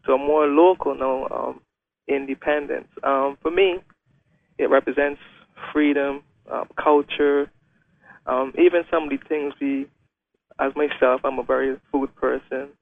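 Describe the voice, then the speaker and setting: A man's voice: medium pitch, vocal fry. A young man from Guyana, a wheelchair racer talking hesitantly as a guest in a radio interview. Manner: hesitant, many "um"s and restarts. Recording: phone-line radio call.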